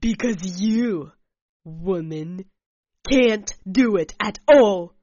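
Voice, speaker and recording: Woman voicing a loud, scornful cynical man. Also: medium pitch, very slow, dry recording, muffled recording. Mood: angry. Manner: loud and mocking.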